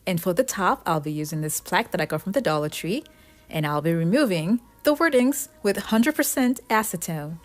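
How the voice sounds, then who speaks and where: A woman narrates a scripted DIY craft tutorial, explaining it step by step over background music. Her lowish voice is expressive and brisk.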